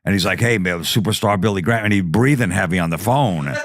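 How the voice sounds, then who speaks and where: A man's voice: sits low, moderate pace. A man telling a comedic story on a podcast, swearing freely and acting out the voices of people in it. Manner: animated, profane, acts out quoted voices. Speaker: podcast guest.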